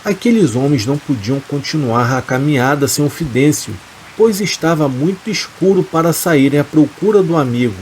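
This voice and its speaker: A man's voice: on the high side, slight background noise, poor audio. Man narrating horror stories. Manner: steady, measured storytelling. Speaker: storyteller. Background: rain.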